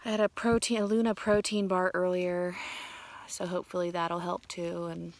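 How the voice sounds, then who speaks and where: A woman's voice: lowish voice, little pitch movement, moderate pace, no echo. A woman vlogging outdoors on a mountain trail, talking to the camera in a tired, stressed way, often sighing and half-whispering. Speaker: vlogger on a long-distance hike. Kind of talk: casual vlog talk to camera.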